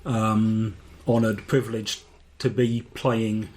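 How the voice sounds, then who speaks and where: Earnest band member, flat delivery. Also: male voice, fairly low pitch, slow. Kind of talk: casual radio interview.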